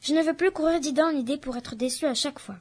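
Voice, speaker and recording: A high, light female voice reads a novel excerpt aloud at an even, careful pace. She lifts her pitch further whenever she voices the characters' quoted lines. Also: fast. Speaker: reader.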